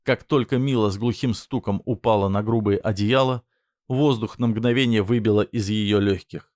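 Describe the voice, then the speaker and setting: A man narrating a story in a steady, even reading voice. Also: on the low side, moderate pace, no echo, studio quality.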